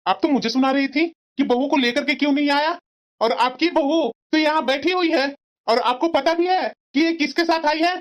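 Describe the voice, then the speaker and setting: A woman's voice: sits high, moderate pace, lightly acted. A woman voicing an irritable young husband who snaps and complains at his family, in a cartoon story. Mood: angry. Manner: snapping, complaining. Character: irritable young husband, short-tempered son. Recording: dull lo-fi sound.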